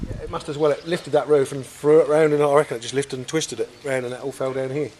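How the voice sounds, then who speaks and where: A man's voice: medium pitch, steady tone, quick pace, darkish tone. A male farmer, giving a plain-spoken, rambling and matter-of-fact eyewitness interview. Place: outdoors in a farmyard. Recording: outdoor background noise, vehicle sounds.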